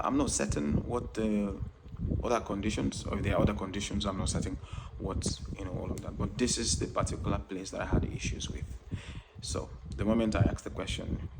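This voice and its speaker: A young man talks straight to camera in a low, even voice, earnest and reflective. He often pads his thoughts with "you know" and "and all of that." Loud background noise runs under the whole recording. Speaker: content creator. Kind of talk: direct-to-camera monologue.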